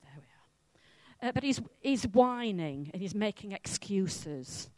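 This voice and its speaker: A woman from Wales with a Welsh accent, preaching a sermon in a chatty, self-mocking and lively way. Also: medium pitch, slow pace, dry recording.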